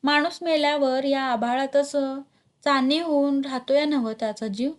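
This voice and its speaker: A woman's voice: sits high, normal speed, natural voice. A woman voicing a grieving young farmer.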